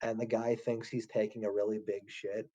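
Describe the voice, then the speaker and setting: Casual young male co-host, mellow, a bit dull and lo-fi. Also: flat delivery, normal speed. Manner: loose, slangy, swearing, laughing at lowbrow jokes. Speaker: podcast co-host. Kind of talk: casual chat.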